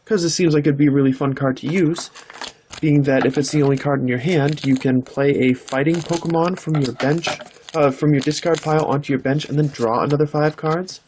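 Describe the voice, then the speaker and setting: A man with a fairly high voice talks casually from behind the camera as he opens card packs. He rambles, then breaks into excited exclamations, over a faint hiss in the background. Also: fairly quick. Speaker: channel host opening trading card packs. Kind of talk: casual off-camera commentary while opening packs. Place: indoors, filming from behind the camera.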